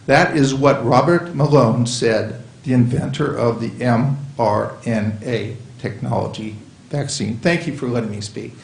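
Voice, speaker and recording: A man's voice: mid-range voice, measured pace, creaky, slight background noise, low-quality recording. A man speaking during public comment at a county board meeting, emotional and insistent, reading passages aloud.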